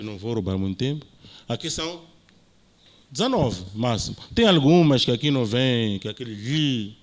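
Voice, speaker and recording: A man with a Mozambican Portuguese accent, a university lecturer giving an academic talk and explaining points with frequent tag questions. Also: medium pitch.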